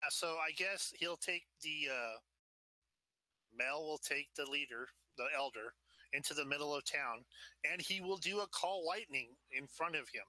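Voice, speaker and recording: A man's voice: on the high side, normal speed, pushed and bright, dry recording, rough recording. A man playing a tabletop game, casually describing what his character does. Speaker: player.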